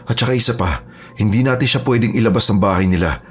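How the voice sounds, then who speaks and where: A steady aswang hunter in a horror audio drama, played by a man, firm and reassuring. His voice is low and breathy-husky, and he talks fast. Faint music plays behind. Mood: calm.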